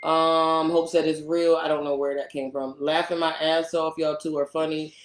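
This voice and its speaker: A woman's voice: deep voice, level tone, moderate pace. A woman co-hosting a casual live stream, teasing her partner and reading viewer comments aloud. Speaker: co-host of a couple's live stream. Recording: roomy echo.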